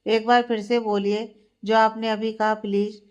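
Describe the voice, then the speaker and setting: A woman's voice: fairly high pitch, flat delivery, moderate pace, close to an everyday voice. A woman voicing an earnest, affectionate young man who questions his fiancée on a phone call in a read-aloud story. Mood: questioning.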